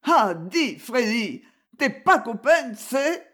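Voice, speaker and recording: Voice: medium pitch, very animated, slow, pushed and bright, voice pushed up, exaggerated voice. A reader putting on a slurring, stammering drunk man. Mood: pleading drunk.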